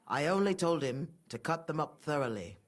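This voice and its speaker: In this dramatic game scene, the low-pitched, expressive voice moves at a moderate pace. The actress voices a scornful, self-righteous mother who has killed and feels no regret, her haughty fanaticism coming through as icy disdain.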